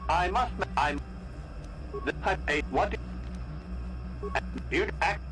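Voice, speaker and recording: A man voicing an ancient computer guardian in a video game, its speech glitching and stuttering into broken fragments in a flat, formal machine manner. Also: a little high, takes it slowly, rough recording. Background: game music.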